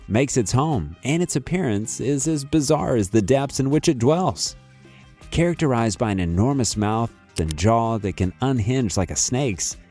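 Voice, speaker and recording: A man's voice: medium pitch, a little mellow. A man reading scripted nature documentary narration.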